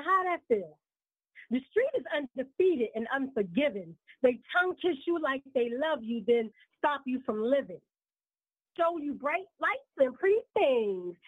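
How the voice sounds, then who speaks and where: A woman with a high voice recites spoken word poetry in a rhythmic, measured cadence. She is heard through a speakerphone, so her voice comes across tinny and phone-like. The sound is dry, with no room around it. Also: no echo. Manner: rhythmic, measured rhyming delivery. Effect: speakerphone call. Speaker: poet and show co-host.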